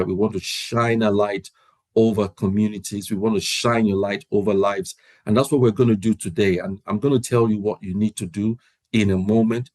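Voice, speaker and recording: Man, event host, interviewer, halting, repeats himself, lowish voice. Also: a little mellow. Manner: halting, stumbles and repeats words. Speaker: host of a prayer meeting.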